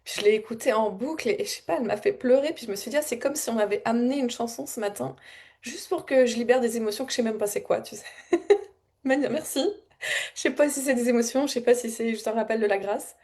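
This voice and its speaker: A woman spiritual coach talking casually and reflectively to her audience, wandering through her thoughts with frequent repeated words, soft laughs and heartfelt emotion. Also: fairly high pitch, fast. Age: adult with a child. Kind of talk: casual spontaneous reflective talk.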